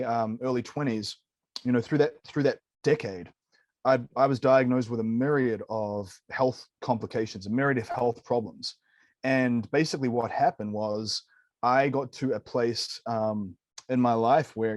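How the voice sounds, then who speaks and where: A New Zealand man in his late thirties, a nutritionist appearing as an interview guest, tells his story candidly and enthusiastically in his native accent, frequently saying "man" and "dude." His voice is mid-range with a darkish tone, and the recording is dry.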